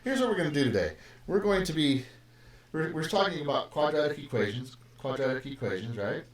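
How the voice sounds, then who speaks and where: A man's voice: fairly high pitch, lively intonation, fairly quick. A middle-aged man, a math teacher, talking casually and playfully through a live-streamed lesson in a classroom, with lots of fillers and asides. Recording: roomy live stream with faint noise.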